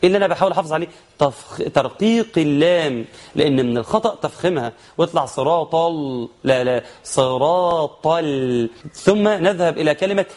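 A man with an Egyptian accent teaching Quran recitation rules, explaining quickly and then chanting verses slowly. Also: a little high, lively intonation, darkish tone. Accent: Egyptian Arabic. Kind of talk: tajweed lesson with chanted examples.

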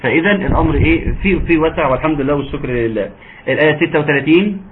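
A man with an Egyptian accent teaching a tajweed lesson, patient and encouraging, sometimes slowing into drawn-out recitation. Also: fairly high pitch. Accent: Egyptian Arabic. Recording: narrow phone-like audio, faint hiss.

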